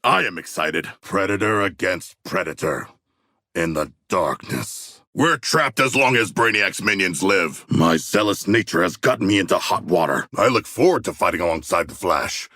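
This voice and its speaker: A big earnest shark man from a video game, gravelly, dry close sound, swingy pitch, talks all formal and grandiose. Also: lively intonation, moderate pace, sharp tone, no room sound, exaggerated voice. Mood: solemn, low. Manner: formal, grandiose, stilted phrasing. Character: hulking humanoid shark warrior, earnest, formal, proudly bloodthirsty. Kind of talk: video game character dialogue.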